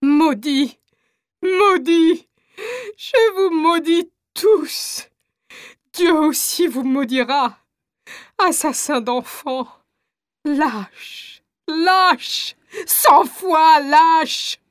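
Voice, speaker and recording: Brief: woman doing a distraught mother, crying and begging, high voice, dry close sound. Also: slow pace, dry recording. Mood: sobbing, screaming. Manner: pleading, screaming, sobbing. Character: desperate mother, pleading for her children.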